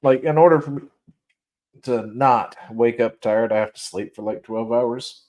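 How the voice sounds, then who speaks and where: A man's voice: mid-range voice, measured pace, darkish tone. A tired man hosting a casual gaming news livestream, joking, laughing often and restarting his sentences. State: tired, yawning. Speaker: podcast host.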